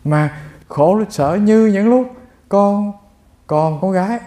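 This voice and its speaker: A man's voice: high-pitched, slow, warm tone, echoey room. A Buddhist monk giving a sermon, telling stories and speaking straight to his listeners. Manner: addresses listeners directly, storytelling. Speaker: monk giving a Dharma talk.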